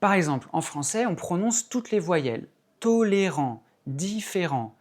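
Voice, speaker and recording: A woman, an English teacher, explaining patiently and clearly in a video lesson, stressing key words by repeating them. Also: fairly low pitch, lively intonation, moderate pace.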